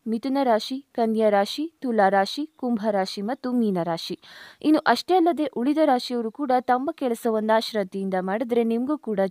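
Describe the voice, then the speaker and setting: A woman with a rather high voice reads a scripted astrology forecast in an even, read-aloud manner. The sound is dry and close, with no room echo. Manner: steady, read-aloud delivery addressing viewers. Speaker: astrology channel narrator. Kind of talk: scripted narration.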